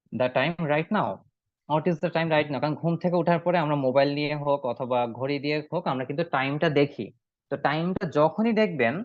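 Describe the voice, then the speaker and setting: A man teaching an online English class, explaining step by step and slowly repeating phrases for students to copy. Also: a little high, dry recording. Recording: dry, slightly dull online-class audio.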